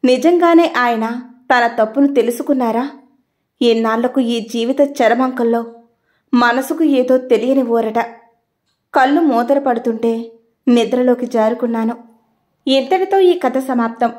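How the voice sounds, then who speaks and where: Measured woman storyteller, fairly high voice. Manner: calm, measured, reflective. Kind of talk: first-person audiobook narration.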